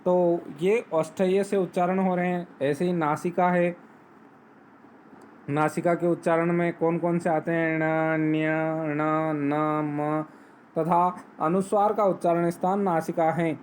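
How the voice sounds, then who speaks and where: A man teaching a grammar lesson, explaining step by step, asking questions and answering them himself, and reciting rules slowly. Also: high-pitched, little pitch movement, a little mellow, a little hiss or hum. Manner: recites Sanskrit sutras slowly. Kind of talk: Hindi grammar lesson on phonetics.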